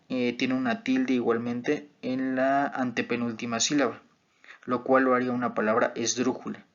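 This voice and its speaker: A man, a student, explaining examples in a class presentation, slow and deliberate, with fillers. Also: mid-range voice, muffled recording.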